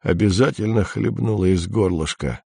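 Man reading a story, kinda low voice, measured, dry close sound. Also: vocal fry, warm tone, breathy edge, dry recording. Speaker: narrator. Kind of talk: audiobook reading.

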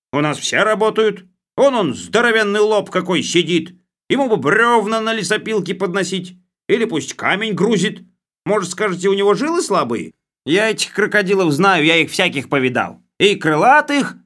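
Man voicing a blustering bureaucrat, audiobook, loud and high, hectoring, lively swings. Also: normal speed, full character voice. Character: blustering loud male bureaucrat, boastful and bossy. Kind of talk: audiobook character voice.

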